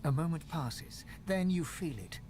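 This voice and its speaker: A grave storyteller for a fantasy game. His scripted narration is measured and dramatic, pitched a little high, with music clearly behind it. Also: lively intonation.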